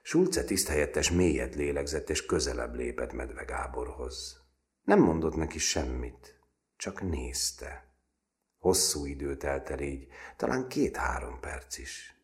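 Very deep-voiced male narrator. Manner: expressive storytelling reading. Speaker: audiobook narrator. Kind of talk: scripted narration.

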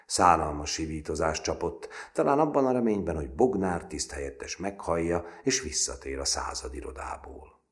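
A man narrating a literary novel as an audiobook, measured and expressive. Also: sits low. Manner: measured and expressive, voices characters.

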